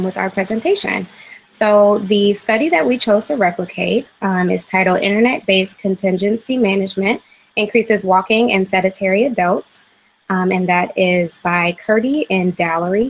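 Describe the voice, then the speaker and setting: A woman in her mid-twenties from Cleveland presents to her class. She talks at a medium pitch. She stops often to fill gaps with "um". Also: normal speed, vocal fry, a little hiss or hum, low-quality recording. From Cleveland, Ohio, USA. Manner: hesitant, frequent "um" fillers. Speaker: graduate student presenter.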